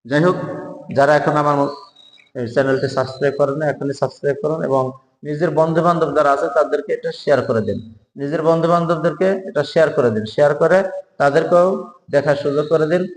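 A man teaching spelling for job exams, who spells each word out slowly, letter by letter, and urges viewers to subscribe. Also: on the high side, steady tone. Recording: echoey room with long reverb.

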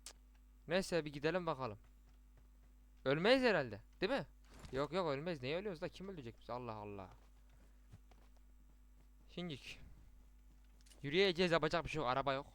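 Chatty young Turkish gaming streamer. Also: male voice, on the high side, fairly quick, pauses often. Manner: chatty, swings between muttering and excited outbursts. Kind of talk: live gameplay commentary with teammates.

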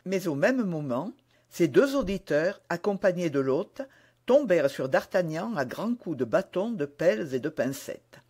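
A man reading a classic adventure novel aloud in a clear, measured storytelling voice. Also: sits high, big pitch swings, darkish tone. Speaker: reader. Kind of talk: audiobook narration of a classic novel.

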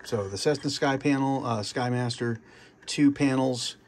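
In an unhurried, darkish medium-pitched voice, a man rambles through a casual show-and-tell of his home flight sim cockpit. He keeps restarting sentences and using fillers, and a little hiss or hum is audible.

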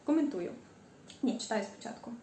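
A woman from Ukraine chatting casually in a home cooking vlog, stretching out the ends of words and pausing on filler sounds. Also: on the high side, animated, mellow, slight background noise. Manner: stretches out word endings; frequent hesitant fillers. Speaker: cooking vlogger. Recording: echoey room.

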